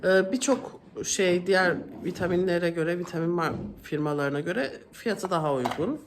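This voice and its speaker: A woman's voice: on the low side, normal speed. A woman vlogging casually at home, chatty and often exasperated as she complains. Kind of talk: casual home vlog chat. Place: home kitchen. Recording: echoey room, voice from a distance, faint noise.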